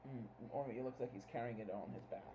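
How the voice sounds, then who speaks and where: A man hosting informal live hurricane coverage, excitable and emphatic, repeating himself as he gives updates. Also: mid-range voice, quick pace. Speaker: livestream host covering a hurricane. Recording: muffled lo-fi audio with faint noise.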